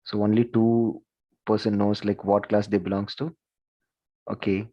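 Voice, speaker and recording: On a video call, a male lecturer teaches an online class in a lowish, fairly flat voice, speaking a little slowly with the high frequencies cut off. He's chatty, keeps saying "like" and "okay," and asks his students questions.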